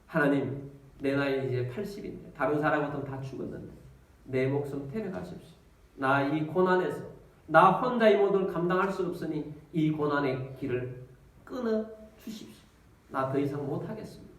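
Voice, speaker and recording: A man's voice: a little high, normal speed, close to an everyday voice. A man voicing a weary, despairing old prophet who pleads in anguished prayer, in a sermon recorded from a distance in an echoey church. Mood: pleading. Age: older.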